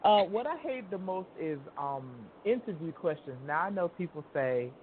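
A man with a fairly high, very lively voice co-hosts a casual talk show. He speaks in an expressive, exclamatory way. The line is thin and phone-like with faint rumble. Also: normal speed. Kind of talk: casual chat.

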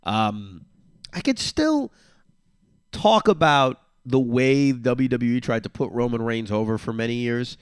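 A man's voice: mid-range voice, lively intonation, a little slow, clean tone, no room sound, clean studio sound. A man hosting a solo podcast, talking casually and sarcastically, repeating phrases for emphasis. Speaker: podcast host.

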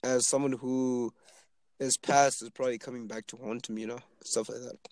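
Chatting casually about wanting to make it as a rapper, the twenty-year-old man from Zimbabwe rambles in a relaxed way, heavy on fillers. He uses a mid-range voice at a normal speed, recorded dry.

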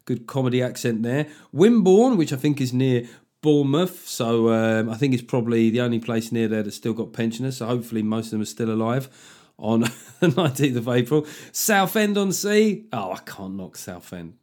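A man's voice: medium pitch, lively intonation, normal speed, darkish tone. A man hosting a podcast, a stand-up comedian chatting casually with sardonic, sweary jokes. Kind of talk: casual chat.

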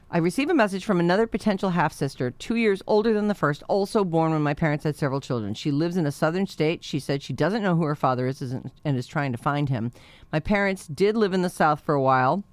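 Low-voiced woman reading and joking. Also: no echo. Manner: sarcastic, quick asides. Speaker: host reading a listener letter. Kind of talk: casual chat and reading aloud.

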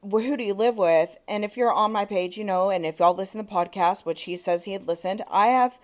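With a medium-pitched voice and a slightly fast pace, a thirtysomething woman co-hosting a podcast relays a story in relaxed talk. Her delivery is lively, packed with profanity and quoted texts.

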